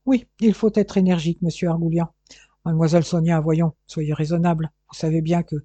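A man's voice: on the high side, steady tone, dark tone, no echo, highs cut off, lightly acted. A man reading a sneering bossy bandit. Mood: scornful. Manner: sneering, commanding, hurried.

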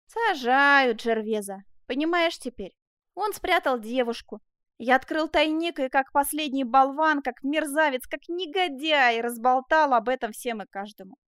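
A woman voicing an excitable young man who exclaims in agitation, in a storybook reading. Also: sits high, normal speed, dry recording, studio quality, voice pushed up. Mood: pleading.

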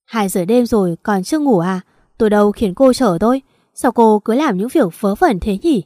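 A woman's voice: mid-range voice, normal speed, a little mellow, no room sound, clean studio sound, close to an everyday voice. Woman doing a snapping bully of a husband. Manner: gruff, snapping. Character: drunken bullying young husband.

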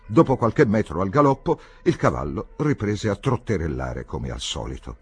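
A man reading a classic novel aloud as an audiobook, with an expressive, measured storytelling manner. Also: deep voice, breathy edge, dry recording. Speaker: audiobook reader.

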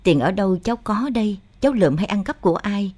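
A woman's voice: mid-range voice, lively intonation, quick pace, a little mellow, natural voice. A woman voicing an older village man who questions a child sternly and suspiciously.

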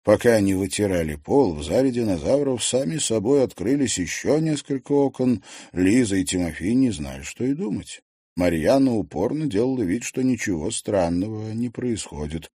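A man narrating a story in an expressive, storytelling manner. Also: fairly low pitch, normal speed, husky, no echo, clean studio sound. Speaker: audiobook narrator. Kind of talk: scripted narration.

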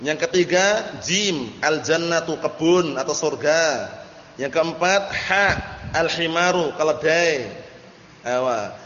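A man's voice: on the high side, animated, takes it slowly, a bit bright, slight background noise. A man teaching an Arabic lesson in a classroom style, often stopping to ask the students if they understand. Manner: drills students with repeated checks for understanding. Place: large hall, study gathering. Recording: echoey hall, dull lo-fi audio.

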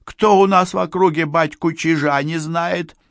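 A man's voice: steady tone, measured pace, gravelly, no echo. A terrified old village beekeeper, as a male audiobook reader puts him on, squeals and grovels in a thin, strained voice pushed far above the reader's own. He fawns and whimpers before his captor. The recording is close and dry. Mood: groveling. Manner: whining, groveling, high squeals. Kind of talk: audiobook character voice.

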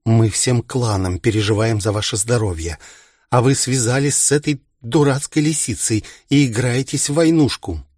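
A man's voice: mid-range voice, moderate pace, darkish tone, breathy edge, no room sound, clean studio sound, close to an everyday voice. A man voicing a strict, scolding middle-aged woman who looks after a young clan heir. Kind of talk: audiobook character reading.

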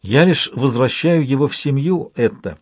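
Guy doing a living ship figurehead lady, gentle but firm, kinda low, dry sound. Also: expressive, moderate pace, slightly rough, no room sound. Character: living ship's female figurehead, calm and commanding.

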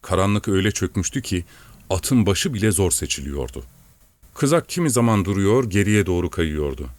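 A man calmly reading a story aloud in measured, steady audiobook narration. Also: low voice, no room sound.

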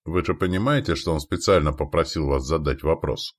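A man's voice: very deep voice, brisk, pitched below the performer's own voice. A man voicing a scornful warrior commander.

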